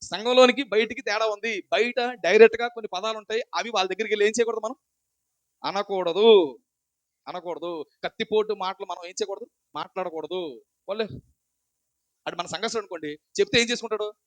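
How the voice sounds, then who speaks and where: A man's voice: high voice, a little fast, long pauses, no echo, low-quality recording. A man preaching a sermon, asking rhetorical questions and repeating his points. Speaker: pastor.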